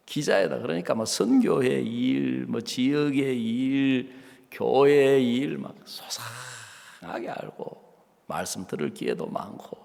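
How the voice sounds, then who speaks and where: A pastor telling a sermon story and acting out both sides of the dialogue. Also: male voice, mid-range voice, gravelly, darkish tone. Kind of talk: sermon with acted-out anecdote. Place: church sanctuary. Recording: long church reverb.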